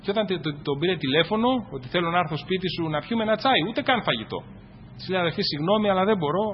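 Man, preacher, sermon, impassioned, animated, long hall reverb, faint background noise. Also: high voice, dull audio. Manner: impassioned, swings between loud exclamations and quiet asides.

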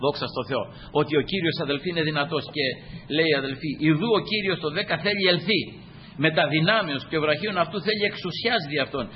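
High-pitched preacher swinging loud and soft. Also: male voice. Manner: rising to high emphatic peaks, then dropping low and soft; fills pauses with "brothers" and "glory to God". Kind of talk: sermon. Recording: muffled sermon recording with faint room noise.

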